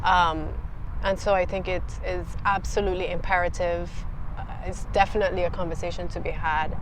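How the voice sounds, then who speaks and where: A woman's voice: lowish voice, flat delivery, brisk, background noise. A woman from Barbados with a Barbadian accent, hosting an interview and affirming her guest often. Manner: warm affirming, frequent "right" and "mm-hmm". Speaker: host.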